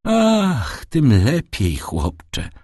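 A frail old father, as a male narrator puts him on, his voice thin, high and trembling. He speaks very slowly and gently, with a husky catch in the throat. The recording is close and dry. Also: huge pitch swings, no room sound, exaggerated voice. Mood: shaken joy. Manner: quavering and slow, breaking into high tones. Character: frail, tender old father, aging man.

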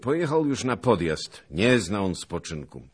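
A man doing a calm Tatar officer. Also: fairly low pitch, a little slow, breathy edge, pitched above the performer's own voice, heavily acted. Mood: matter-of-fact. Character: steady male Tatar officer.

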